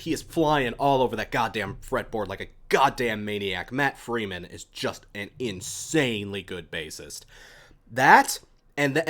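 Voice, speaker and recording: Animated young man streaming casual chat. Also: mid-range voice. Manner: rambling, with many restarts and fillers; enthusiastic about music.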